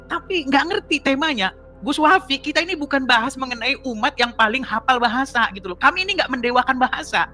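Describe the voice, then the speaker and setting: A woman's voice: high-pitched, lively intonation, quick pace, pushed and bright, faint music behind. A woman arguing in a heated debate, mocking her opponent and laughing as she presses her points.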